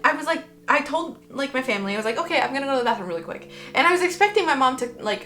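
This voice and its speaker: A young woman from the United States chats to camera in a casual storytime vlog, her voice high and sharp-toned. She rambles, peppering every sentence with "like" and "um" and swearing freely. The room sounds roomy and echoey, with faint music underneath. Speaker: vlogger.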